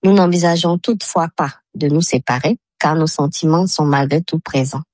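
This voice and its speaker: A woman in her thirties from Mali, leaving a recorded message for a radio show with her voice altered by a voice changer, reading it out in a measured, steady way. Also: deep voice, dry recording, studio quality. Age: 30s. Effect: voice disguised with a voice changer. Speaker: caller to a health radio show. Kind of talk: recorded message read aloud.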